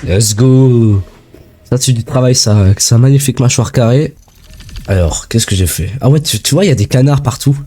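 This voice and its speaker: A young man from France giving casual, excitable let's-play commentary full of slang as he plays a shooter game. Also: medium pitch, moderate pace, faint music behind. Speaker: gaming video creator.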